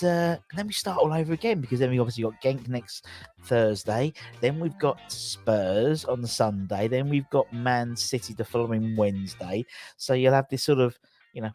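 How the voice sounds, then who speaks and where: A man with a southern English accent and a darkish, mid-range voice hosts a casual livestream for football fans. He rambles and jokes as he chats with viewers, often repeating himself.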